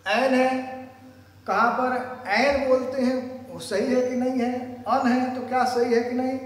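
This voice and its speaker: Slow high-voiced man teaching in an echoey room. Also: flat delivery. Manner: slow, deliberate, repeats words for emphasis. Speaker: English teacher. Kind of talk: grammar lesson explained in Hindi. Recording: echoey room with long reverb, faint noise.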